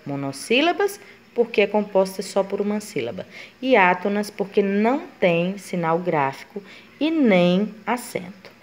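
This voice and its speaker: Lively woman teaching grammar. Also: mid-range voice, measured pace. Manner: patient, explains step by step and asks herself students' questions. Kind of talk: grammar lesson.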